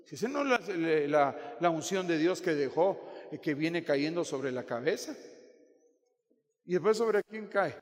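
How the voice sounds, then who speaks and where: Pastor, fairly high voice, playful preaching in a reverberant church. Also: male voice, measured pace. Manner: joking, animated, addresses listeners as brother. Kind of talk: sermon. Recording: long hall reverb.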